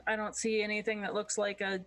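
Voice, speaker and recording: A woman's voice: mid-range voice, flat delivery, fairly quick, a bit bright, no echo. A woman chatting casually as a player in a tabletop game, informal and a little tentative.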